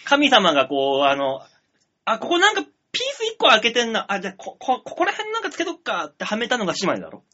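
A man from the Tokyo area hosting a radio talk show, trading rough, teasing jokes with his co-host in casual comedic banter. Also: high voice, huge pitch swings, fast, bright, forceful tone, muffled recording.

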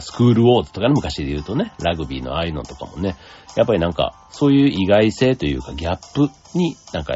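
A man hosting a casual solo talk show, relaxed and rambling with many fillers. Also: low-pitched. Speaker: podcast host. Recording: dull lo-fi sound with faint music.

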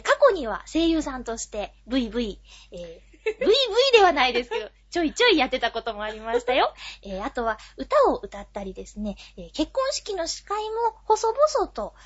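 A woman with a cute, high voice talks fast and bubbly as a radio guest, her pitch leaping lively up and down. The sound is a bit dull and lo-fi. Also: husky. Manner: bubbly, quick, laughs often. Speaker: guest, narrator. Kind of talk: casual radio chat.

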